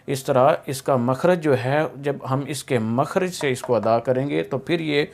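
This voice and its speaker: A man with a Pakistani Urdu accent, a Quran teacher giving an instructional lesson for teachers, patiently explaining and drawing out letter sounds slowly. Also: medium pitch, vocal fry.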